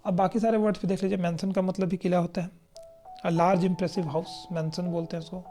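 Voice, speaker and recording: A teacher from India records an exam-prep vocabulary lesson in a mellow, even, medium-pitched voice, with faint music in the background. Patient and explanatory, the teacher checks in often with "right?" and slows down to read definitions aloud carefully.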